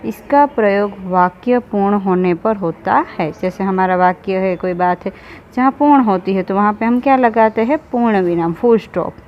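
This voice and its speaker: Woman teacher doing a grammar lesson, asks and answers her own questions, bit dull lo-fi recording with faint hiss. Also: medium pitch. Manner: explains slowly and asks questions, then answers them herself. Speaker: school teacher. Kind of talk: online Hindi grammar lesson. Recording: slightly dull recording with faint background noise.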